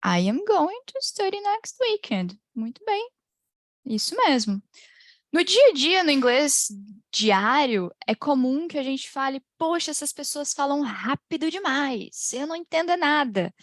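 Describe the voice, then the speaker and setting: A woman with a Brazilian Portuguese accent teaching English pronunciation in an online class. She laughs often and slowly draws out the model phrases. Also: sits high, dry recording, studio quality. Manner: lively, drawn-out model phrases, frequent laughs.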